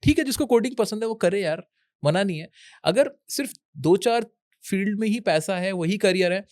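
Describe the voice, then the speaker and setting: A man's voice: high voice, animated, moderate pace, a little mellow, no echo, studio quality. A young man from India, a guest on an interview show, giving casual advice and mixing Hindi with English. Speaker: educational YouTuber guest. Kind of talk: casual Hinglish interview talk.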